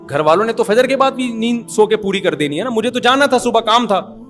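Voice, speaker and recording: Middle-aged man, high pitched voice, amused chuckling storyteller, casual talk. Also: animated, brisk, fairly bright tone, faint music behind. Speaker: father telling a family story. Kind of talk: humorous anecdotal talk.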